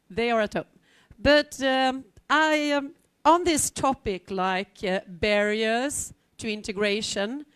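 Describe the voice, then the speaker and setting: Clear-voiced Swedish woman speaking at a panel. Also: a little high, dry recording. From Sweden. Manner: chatty, wry asides, frequent fillers. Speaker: teacher at a vocational school, panel speaker. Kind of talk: conference panel talk. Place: conference hall, standing before an audience.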